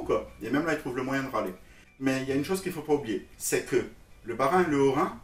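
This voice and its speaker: A man's voice: medium pitch, reverberant, recorded from a distance. A man from Alsace with an Alsatian French accent, giving a jokey, teasing comic monologue straight to his viewers. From Alsace, France. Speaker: vlogger.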